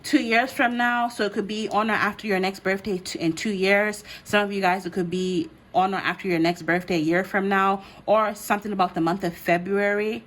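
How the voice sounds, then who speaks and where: Born in the United States and raised in Ghana, this woman hosts a casual card reading, talking directly to her listeners as a tarot reader. Her mid-range voice is a bit bright and fairly even in intonation, and she speaks briskly with hardly any pauses.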